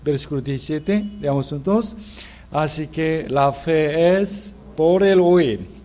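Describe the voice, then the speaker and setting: A man's voice: fairly high pitch, dark tone. A man preaching at a Bible seminar in a church, asking rhetorical questions and leading the congregation in reading scripture aloud.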